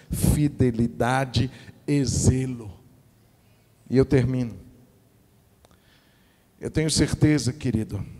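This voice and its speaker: A man preaching a sermon as pastor, emphatic, asking rhetorical questions and swinging between hushed and loud delivery. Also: medium pitch. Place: church hall. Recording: long reverb of a church hall.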